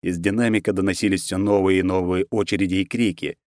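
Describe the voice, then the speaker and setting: A man narrating a novel as an audiobook, reading in a steady, even storytelling manner. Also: sits low, fast, dry recording. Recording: dry, close sound.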